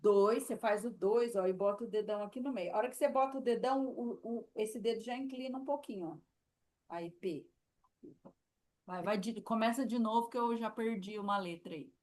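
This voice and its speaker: A woman with a Brazilian Portuguese accent teaching sign language in a live lesson, slow and patient, demonstrating as she repeats each word. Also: fairly high pitch, darkish tone.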